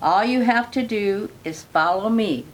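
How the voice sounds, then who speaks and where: A woman's voice: medium pitch, unhurried, natural voice, rough recording. A grandmother reading as a kind, firm little Christmas elf. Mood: encouraging. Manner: gently instructive, storybook reading. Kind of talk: storybook reading.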